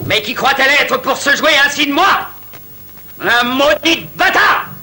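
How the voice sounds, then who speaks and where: A man's voice: very high-pitched, animated, a little slow, pushed and bright, heavily acted, rough recording. An actor playing a furious, scheming male villain who rants with contempt in a radio drama. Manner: ranting, contemptuous.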